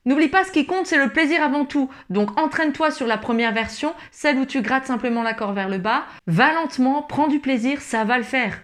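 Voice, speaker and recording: High-voiced woman teaching ukulele. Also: lively intonation, fairly quick, hardly any pauses. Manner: encouraging, speaks directly to the learner. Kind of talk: friendly online music tutorial. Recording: loud ukulele playing under the voice.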